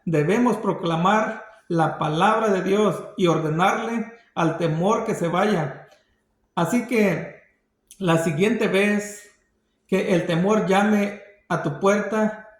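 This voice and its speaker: A man preaching a sermon, speaking in a slow, halting way that often repeats words. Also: high-pitched, roomy sound.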